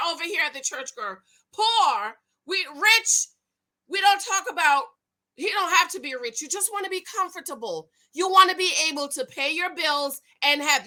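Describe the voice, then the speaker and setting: A YouTube commentator on money and marriage reads and reacts to a news story casually, her high, loud, excitable voice carrying well. She gets animated and preachy, repeating points emphatically with the energy of a Pentecostal preacher.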